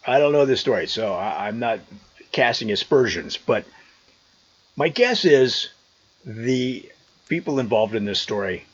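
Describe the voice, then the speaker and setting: An American man tells a story in a casual, amused vlog style. His pitch moves around in an animated way while his pace stays unhurried. The voice is a little husky, recorded outdoors. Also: muffled recording. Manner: amused, chuckling conversational storyteller. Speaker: vlogger. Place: outdoors on a trail.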